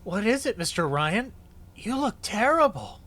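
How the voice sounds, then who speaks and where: A woman acting as a respectful assistant in an old-time radio drama. The voice is medium in pitch and lively, with concerned, deferential delivery. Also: a little slow. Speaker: actor in an audio drama.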